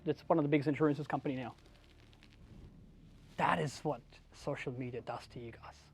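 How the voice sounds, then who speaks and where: A man's voice: mid-range voice, brisk, slight background noise. A man with an Australian accent giving a blunt, profane motivational talk to an audience, barking emphatic commands. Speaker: keynote speaker.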